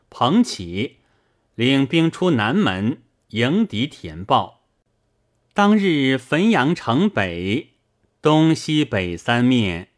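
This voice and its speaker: A male audiobook reader narrating a classic novel in a measured storytelling manner. His pace is unhurried, and his pitch moves in a lively way through the lists of names and battle scenes.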